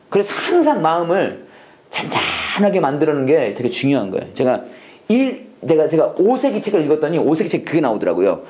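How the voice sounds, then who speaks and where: An English prayer instructor giving a classroom lecture, drilling phrases call-and-response style, urging the class to go faster, and breaking in with joking asides. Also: medium pitch. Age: adult, past seminary studies. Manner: energetic, coaxing, repeats drill phrases and urges speed; jokey asides and chuckles between drills.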